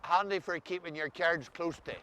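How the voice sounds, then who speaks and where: A man with an Ulster Scots accent talks in a bright, fairly high voice. He explains dialect in an easy conversational way, with the wry touch of a storyteller. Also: moderate pace, clean tone, low-quality recording. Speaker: co-host discussing dialect words.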